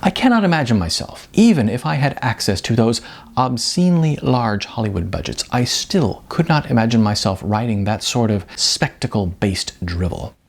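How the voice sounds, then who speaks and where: For an audiobook, a man voices a shy yet pretentious amateur writer-director, using stilted, affected, pompous phrasing. His mid-range voice is expressive and intense, with vocal fry, at a moderate pace.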